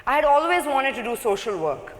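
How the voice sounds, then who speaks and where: A woman's voice: sits high, big pitch swings, brisk. A woman in her thirties with a Pakistani accent gives an informal, conversational, self-deprecating convention speech as a non-profit founder. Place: large indoor convention hall, on stage. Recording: echoey hall PA with long reverb.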